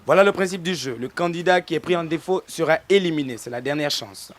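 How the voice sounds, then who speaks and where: A man's voice: fairly high pitch, fast talker, natural voice. An actor playing a male village radio quiz host who announces questions and keeps bursting into laughter, with a Burkinabè French accent. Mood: announcing.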